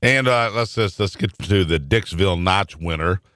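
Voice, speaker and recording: A male talk radio host with a very deep voice, delivering the news in a relaxed, conversational monologue. He drops in dry, wry asides. The studio sound is close and completely dry. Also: moderate pace, no echo.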